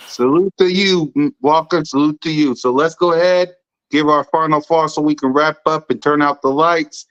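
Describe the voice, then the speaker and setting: A man's voice: a little high, steady tone, moderate pace, fairly bright tone, clean tone. A man hosting a sports podcast, playful and bigging himself up as he hands the floor to others. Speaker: podcast host. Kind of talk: casual sports chat. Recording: dull lo-fi sound.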